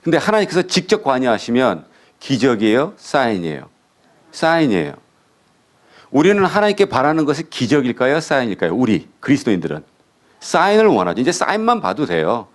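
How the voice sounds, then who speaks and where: A man's voice: medium pitch, huge pitch swings, fairly quick. Korean pastor guy preaching, quizzes the crowd then answers, voice swings up and down a lot. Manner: asks the congregation questions and answers them himself. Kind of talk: sermon.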